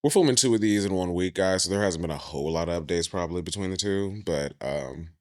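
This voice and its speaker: A man co-hosting a podcast in casual chat, speaking in a thoughtful, measured way. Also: deep voice, no echo, studio quality. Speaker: podcast co-host.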